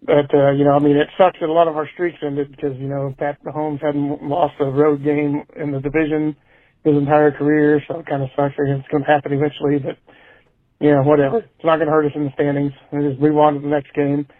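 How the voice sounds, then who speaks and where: A man's voicemail played back over a thin, phone-like line, dry and close with no room around him. He talks in a flat, level way, blunt and casual. His pitch sits a bit high for a man. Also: fairly quick, no echo. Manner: blunt, swears casually, shrugging. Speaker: caller. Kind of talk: casual call-in rant.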